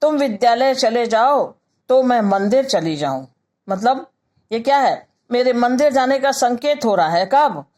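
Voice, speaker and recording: With a Hindi accent, a woman patiently lectures on grammar, reading example sentences slowly before explaining each. Her voice sits a little high and has a dark tone, with lively intonation.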